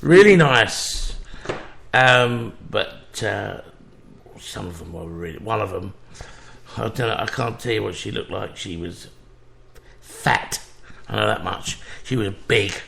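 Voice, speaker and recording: A man's voice: on the low side, animated, slow, gravelly, fairly bright tone, a little hiss or hum. A man telling a crude, sweary story in a casual chat.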